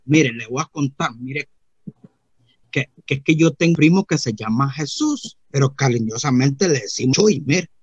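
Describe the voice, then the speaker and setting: A man's voice: mid-range voice, animated, moderate pace, breathy edge, no echo, lo-fi sound. A man playing a naive rustic churchgoing man, telling a rambling comic story full of repeated "mire" and acted-out voices. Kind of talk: comic character monologue.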